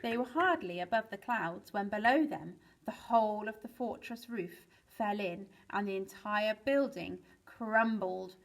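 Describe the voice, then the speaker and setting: A woman teacher reads a children's chapter book aloud at a middle pitch. Her storytelling is lively, and she swings her voice up for the exciting moments. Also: moderate pace, hardly any pauses, rough recording. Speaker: teacher reading to pupils.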